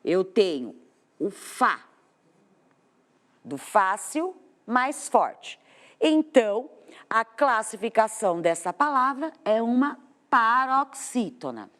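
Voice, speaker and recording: A woman's voice: a little high, big pitch swings, slow pace, a bit bright. A Brazilian Portuguese-accented woman teaching a class from a TV studio, explaining step by step and asking the students questions. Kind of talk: televised classroom lesson. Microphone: studio microphone.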